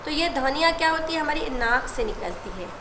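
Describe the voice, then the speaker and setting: A woman's voice: high voice, fairly quick. A woman teacher giving an online class lesson, explaining patiently and often checking in with short tag questions. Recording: echoey room with steady background noise.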